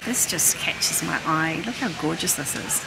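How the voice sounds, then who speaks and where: A woman's voice: sits low, sing-song, measured pace, vocal fry, over loud music, low-quality recording. A middle-aged woman, chatting as she browses and films a shopping vlog on a handheld phone. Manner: chatty, thinking aloud while browsing. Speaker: vlogger. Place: busy warehouse store. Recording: loud store noise behind.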